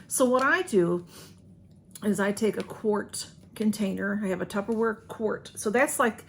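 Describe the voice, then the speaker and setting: An American woman chatting casually to viewers as she unboxes, folksy and rambling, with slightly slurred speech. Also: medium pitch. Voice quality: slightly slurred speech from a sore tongue or mouth. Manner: folksy, rambling, says y'all often. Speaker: vlogger doing a beauty box unboxing. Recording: faint background room noise.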